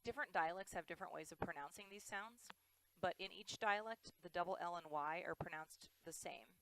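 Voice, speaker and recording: A woman teaching Spanish pronunciation, patiently modelling each sound slowly and clearly. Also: lowish voice, noisy background. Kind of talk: pronunciation lesson.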